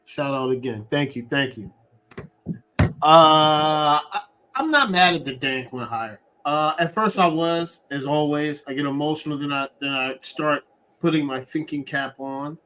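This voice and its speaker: A man's voice: on the high side, slight background noise. A man hosting a live sports fan show, talking eagerly with frequent restarts. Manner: excited, talks fast with many restarts.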